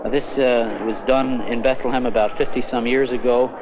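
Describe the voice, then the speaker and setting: A man's voice: mid-range voice, steady tone, moderate pace. A man showing an exhibit in an exhibition hall, talking casually with some fillers into a handheld mic. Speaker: museum guide. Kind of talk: explaining an exhibit. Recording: noisy, dull old film sound.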